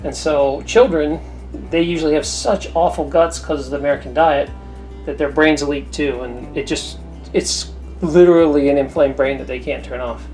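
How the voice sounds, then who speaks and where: A woman's voice: deep voice, moderate pace, darkish tone, soft background music. A woman hosting a cooking video from her home kitchen, chatting in a rambling, storytelling way as she cooks. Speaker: cooking channel host. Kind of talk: casual chat while cooking.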